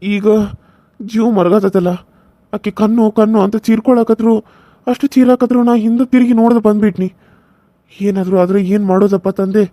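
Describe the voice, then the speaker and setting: A man's voice: sits high, fairly even intonation, normal speed, long pauses, warm tone, no room sound, natural voice. A man voicing a hot-tempered young husband in a cartoon serial, pleading and apologetic, with a North Karnataka Kannada accent. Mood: remorseful. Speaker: voice actor.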